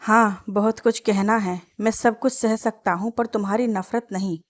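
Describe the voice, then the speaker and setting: A woman's voice: mid-range voice, fairly even intonation, normal speed, close to an everyday voice. A woman reading Amit, an angry young husband. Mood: stern, angry.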